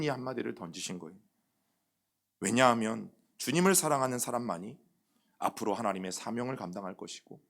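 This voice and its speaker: A middle-aged man preaching a Sunday sermon as senior pastor. He swings from loud, emphatic phrases to soft, low endings, and he acts out quoted questions in an intimate voice. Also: creaky. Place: church sanctuary.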